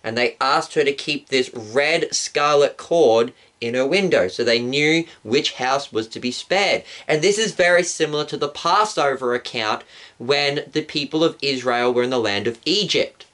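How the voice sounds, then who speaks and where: A male pastor calmly telling a Bible story for children and explaining it step by step. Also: medium pitch, moderate pace. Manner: calm, explanatory, acts out shouts.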